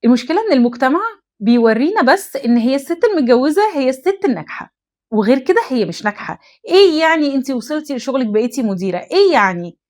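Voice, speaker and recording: A woman's voice: high voice, very animated, rapid-fire, a little mellow. A young adult woman with an Egyptian accent, hosting an advice talk and speaking earnestly and emphatically, straight to the listener. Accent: Egyptian Arabic. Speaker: host. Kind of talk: direct-to-camera advice talk.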